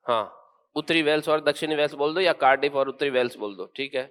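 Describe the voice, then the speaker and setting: Man, teacher, fairly high voice, classroom lesson, firm questioning and explaining. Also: quick pace, a bit bright, clear, resonant tone. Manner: quizzes students, then explains firmly. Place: classroom with students.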